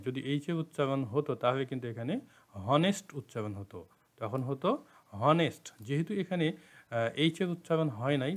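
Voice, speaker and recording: A man teaches a grammar lesson at a mid pitch. He goes through each point patiently, repeats key words and asks rhetorical questions of his students.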